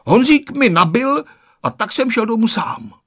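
A man's voice: sits high, huge pitch swings, pitched above the performer's own voice, exaggerated voice. A man doing a whiny, sulky schoolboy. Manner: reluctant, whiny. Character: sulky schoolboy making excuses.

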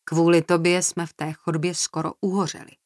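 A woman's voice: on the low side, little pitch movement, darkish tone, dry recording, studio quality, lightly acted. A woman voicing a tired, reproachful family man who insists on his point, in an audiobook reading.

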